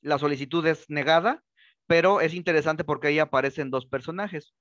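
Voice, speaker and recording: A man's voice: on the high side, a little fast, a bit bright, no room sound, highs cut off. A man giving a history lecture, speaking with many fillers and restarts and ending phrases with rhetorical question tags. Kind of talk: academic lecture.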